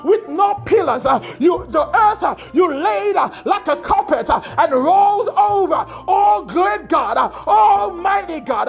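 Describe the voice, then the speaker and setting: A man with an unusually high, gravelly voice pours out a fervent prayer in shouted bursts. He leads nearly every phrase with an "uh" and stacks them into a chanting litany. Faint music plays behind him. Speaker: prayer leader.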